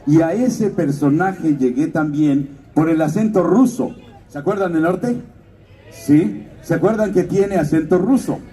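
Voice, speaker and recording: A man who works as a voice actor and announcer, giving a lively stage talk at a fan expo. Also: on the high side, unhurried, far from the mic. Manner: lively storyteller, slipping into character voices.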